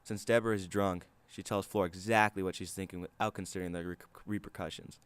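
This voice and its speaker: A man's voice: deep voice, steady tone, fast talker, fairly bright tone, a little hiss or hum. A man reading a scripted video essay as a student narrator.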